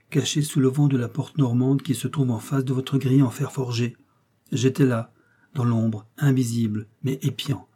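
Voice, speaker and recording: A man's voice: mid-range voice, mellow, husky, lightly acted. A man voicing a jealous, furious young woman who hisses her threats in an audiobook. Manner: hissing, spiteful, menacing. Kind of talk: audiobook character reading.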